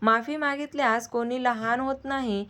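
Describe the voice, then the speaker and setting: Woman reading as a gentle, wise aunt. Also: a little high, fairly even intonation, normal speed. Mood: scolding.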